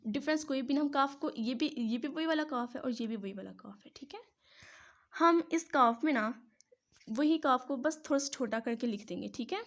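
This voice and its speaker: A woman patiently teaching how to join Arabic letters, step by step, pausing often to check in. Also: high voice. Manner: patient, says "theek hai" between each step. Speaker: Quran teacher. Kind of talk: step-by-step writing lesson.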